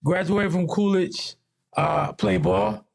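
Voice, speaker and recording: A man's voice: takes it slowly, creaky. A man, a podcast guest telling stories in casual chat and acting out the quotes. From raised in New York. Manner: relaxed storyteller who acts out quotes in a higher voice.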